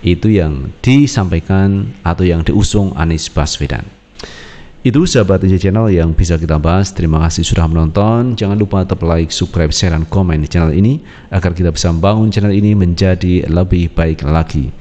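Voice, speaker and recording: A man's voice: deep voice, brisk, dark tone. A man hosting an online news channel, reading an article aloud and chatting to viewers between passages with hesitant fillers. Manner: addresses viewers as friends, fillers between phrases. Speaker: political news channel host. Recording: dull lo-fi sound.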